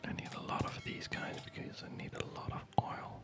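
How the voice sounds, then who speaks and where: Music plays behind someone who whispers soft ASMR commentary on the video game they're playing. The whisper is breathy and unhurried as they muse aloud.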